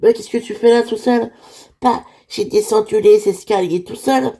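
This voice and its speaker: A woman's voice: on the high side, moderate pace, warm tone, pitched above the performer's own voice, natural voice. A woman voicing a caring, teasing middle-aged father who talks in a chatty, affectionate way, in a homemade toy-figure drama. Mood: doting.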